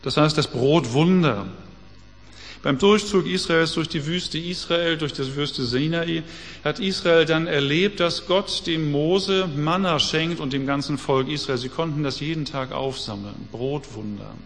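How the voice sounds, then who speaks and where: A man preaching a sermon, reading scripture aloud slowly and deliberately between his own explanations. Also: fairly high pitch, steady tone, a bit bright, big-room sound, a little hiss or hum. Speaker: pastor.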